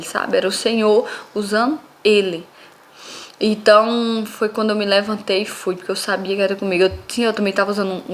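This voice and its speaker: A young woman recounts her faith testimony, speaking earnestly and directly to her audience. Her voice sits at a middle pitch for a woman, and she talks in a plain, heartfelt way. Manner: earnest, addresses listeners as "minha gente".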